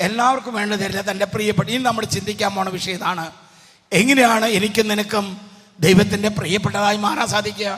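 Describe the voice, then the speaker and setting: High-voiced preacher quizzing his flock. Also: fairly even intonation, fast talker, a bit bright. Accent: Kerala Malayalam. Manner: exhorting, quizzing the congregation. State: strained, fading voice. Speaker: retreat preacher. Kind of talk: retreat sermon with call-and-response. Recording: hall reverb.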